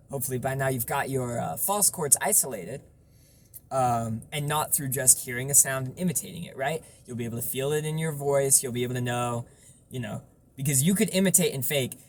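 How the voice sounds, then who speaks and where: A man's voice: mid-range voice, a little hiss or hum. A man giving an informal, explanatory tutorial on vocal technique, stressing points through repetition.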